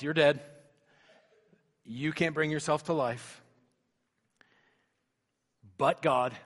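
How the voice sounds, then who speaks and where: A man's voice: medium pitch, fairly bright tone. A middle-aged man preaching a sermon as a pastor, telling a family story and acting out the voices in it. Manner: storytelling, acts out voices in quotes. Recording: hall reverb.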